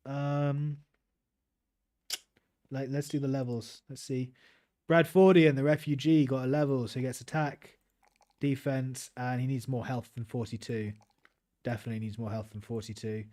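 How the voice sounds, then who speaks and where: A British man provides relaxed commentary on a gameplay livestream, his voice mid-pitched and unhurried. Easygoing throughout, he thinks through his choices out loud and occasionally stops to reply to viewers.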